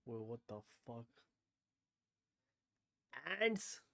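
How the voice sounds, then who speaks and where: A man's voice: mid-range voice, sing-song, extremely slow, dry recording. A man streaming a guessing game, thinking aloud with frequent swearing and sudden bursts of disbelief. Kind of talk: casual game commentary.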